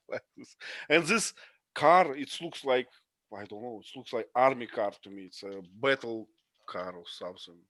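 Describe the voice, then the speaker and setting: Man at mid pitch, running a class chat, hesitant phrasing, dry sound. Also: expressive, a bit bright, dry recording. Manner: halting, searches for words. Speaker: discussion leader. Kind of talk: casual class discussion.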